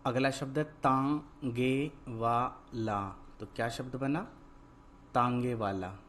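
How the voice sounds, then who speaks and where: Man, Hindi tutor, repetitive question-and-answer drilling, steady middle pitch, faint hiss behind. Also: moderate pace. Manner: repetitive questioning, patient drilling of each word. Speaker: Hindi teacher. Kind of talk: worksheet lesson, call and response.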